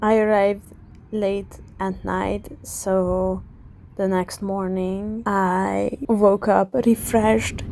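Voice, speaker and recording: A young woman from Hungary chatting casually as she narrates her travel and reading vlog, with soft laughs. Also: mid-range voice, creaky, a little hiss or hum. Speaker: book vlogger. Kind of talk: casual vlog voiceover and diary talk.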